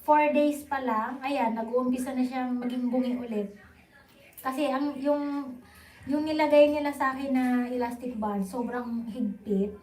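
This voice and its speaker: A young Filipino woman with a high-pitched voice chats casually to her live viewers. She talks like a vlogger, informal and chatty, in a roomy, echoey space. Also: steady tone, measured pace, warm tone.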